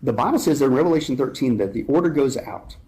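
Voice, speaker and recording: A man's voice: medium pitch, lively intonation, quick pace, dark tone. A man speaking as a guest in an interview, urgent and emphatic, building his points with rhetorical questions. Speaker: guest speaker on end-times prophecy.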